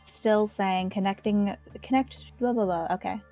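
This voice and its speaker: Young woman, art streamer, headset mic, blunt casual chat, mid pitch, faint music under. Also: fairly even intonation, measured pace, warm tone. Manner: blunt and swears freely. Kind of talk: casual chat while drawing on a livestream. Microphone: livestream headset mic.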